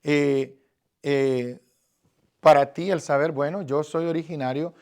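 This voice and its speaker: A man's voice: fairly high pitch, steady tone, slow, a little mellow. A man from Guatemala with a Guatemalan accent, giving an earnest Bible lesson on evangelism and speaking directly to the listener with frequent fillers. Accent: Guatemalan Spanish. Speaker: evangelism teacher.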